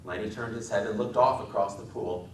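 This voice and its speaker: An American author from Wisconsin gives a dramatic reading of a literary story at a public library event room. He narrates a little fast in a lowish voice. The mic is distant in an echoing hall, with faint noise.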